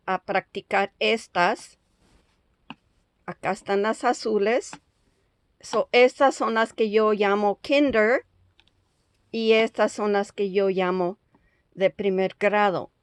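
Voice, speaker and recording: A woman teaching English letter sounds, repeating each sound slowly several times and giving the word's meaning. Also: mid-range voice, fairly even intonation, clean tone, no room sound, studio quality. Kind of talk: slow step-by-step lesson with sound drills.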